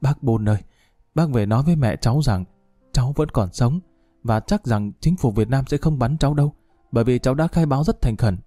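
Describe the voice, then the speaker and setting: A man's voice: medium pitch, a little fast, warm tone, no room sound, soft background music, close to an everyday voice. A man voicing a remorseful middle-aged prisoner who pleads and stammers, in an audiobook drama reading. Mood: earnest.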